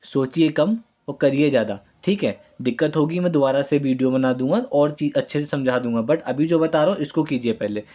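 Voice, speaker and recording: Man with a slightly high voice, casual exam vocab teacher, chatty and self-deprecating, close mic. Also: fairly quick, hardly any pauses, dark tone. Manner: chatty, repeats key words and checks in with "okay?"; self-deprecating while drawing on screen. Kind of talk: casual Hindi-English exam lesson with mnemonics.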